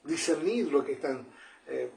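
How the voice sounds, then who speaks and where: A man's voice: a little high, lively intonation, a little slow, vocal fry, a little mellow. A man, preaching a sermon in an earnest manner, often repeating phrases and calling his listeners brother.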